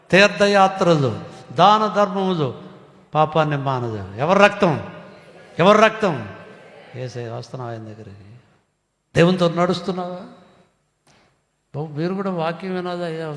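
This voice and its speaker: A man preaching a sermon, swinging from loud rises to soft drops. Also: fairly high pitch, moderate pace, long pauses. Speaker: pastor. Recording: long hall reverb.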